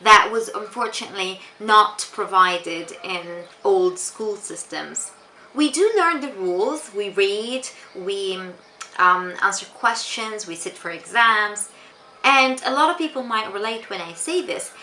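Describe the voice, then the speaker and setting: A young Tunisian woman, an English teacher who is not a native English speaker, answers interview questions in a measured, explanatory way, often saying um. Her medium-pitched voice is animated with a sharp tone, recorded in an echoey room with faint noise.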